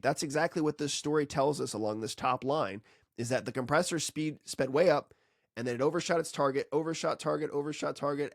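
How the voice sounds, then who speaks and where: A man's voice: mid-range voice, no room sound. Middle-aged guy explaining hvac data, jokey and sarcastic, dry close mic. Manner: joking, sarcastic asides. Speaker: HVAC instructor. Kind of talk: casual technical walkthrough.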